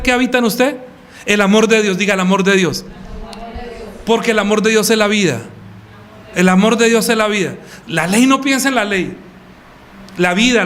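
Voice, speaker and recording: Man preaching a sermon, high voice, question-and-answer delivery, faint background hum. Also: fairly bright tone. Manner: preaching with rhetorical questions, calls on congregation by name. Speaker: pastor.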